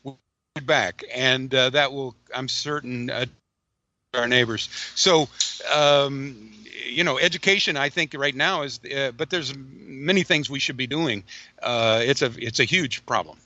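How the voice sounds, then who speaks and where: A man from the United States calling in as a guest, his audio glitching and breaking up, talking haltingly and often restarting his phrases. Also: medium pitch, sharp tone, dry recording. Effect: glitchy phone line that keeps breaking up. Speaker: guest caller. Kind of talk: call-in interview. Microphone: phone line. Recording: dull lo-fi call audio.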